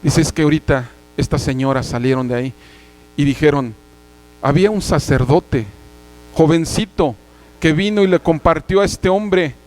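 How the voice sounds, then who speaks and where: Guy preaching, kinda high voice, clears his throat now and then, faint mains hum behind. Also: moderate pace, darkish tone, poor audio. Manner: earnest, retells dialogues, clears throat at times. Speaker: church brother giving a sermon. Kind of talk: sermon with personal testimony.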